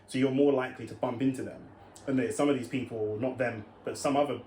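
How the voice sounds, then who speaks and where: A man's voice: mid-range voice, steady tone, quick pace, dark tone. A young man, co-hosting a podcast in casual chat, emphatic and repeating words as he starts a point. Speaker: podcast co-host. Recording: roomy with faint noise.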